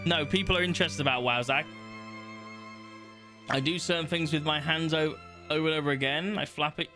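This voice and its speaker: A young streamer with a slightly high, sharp, steady voice reads test questions aloud a little fast while chatting casually to viewers. He's blunt and swears occasionally, with faint music playing behind him.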